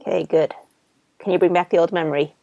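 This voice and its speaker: A woman's low voice with a gravelly edge leads a healing session. She speaks in slow, soothing instructions. The sound is dry and close. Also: fairly even intonation, mellow, no echo, muffled recording. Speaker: EFT healing practitioner. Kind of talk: guided visualization and tapping session.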